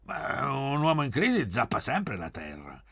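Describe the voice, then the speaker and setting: A man's voice: mid-range voice, wildly swooping pitch, a little slow, creaky, a bit bright, husky, dry recording, voice pushed up, exaggerated voice. A man voicing a wry, sardonic young man who lectures his friends.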